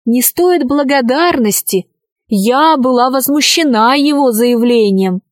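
A woman's voice: high voice, animated, measured pace, no echo, studio quality. A woman doing a light, wry female ghost.

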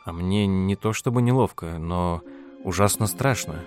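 A man reading the lines of a frightened, tender father in a soft, hushed voice, a little lower than his narration. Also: measured pace, music in the background.

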